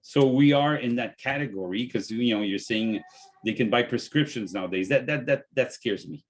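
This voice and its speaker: A man's voice: medium pitch, normal speed. A man hosting a casual health podcast who often stops and repeats words mid-sentence. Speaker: podcast host and natural health business owner.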